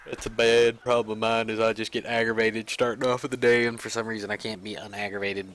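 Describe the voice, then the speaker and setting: Low-voiced man rambling over gameplay. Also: flat delivery, fast, a bit bright, a little hiss or hum. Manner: rambling, self-mocking, chatty. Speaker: let's play gamer. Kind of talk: casual gameplay commentary.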